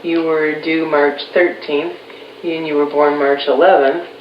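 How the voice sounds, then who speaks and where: A woman in her fifties from Chicago, recalling her childhood in a relaxed family interview with pauses. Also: deep voice. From Chicago, USA. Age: 50s. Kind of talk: casual recorded family interview. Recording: roomy, distant, dull, faint hiss.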